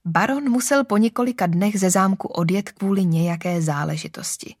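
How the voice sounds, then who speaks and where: A woman narrating a classic novel aloud in a calm, even, literary manner. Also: mid-range voice, dry recording, studio quality. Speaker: audiobook narrator.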